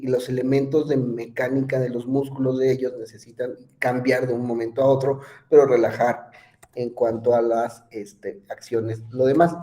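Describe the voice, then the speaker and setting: Male lecturer, conversational, mellow tone, medium pitch. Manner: conversational, asks students questions, many fillers. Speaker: psychology lecturer. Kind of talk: online class lecture.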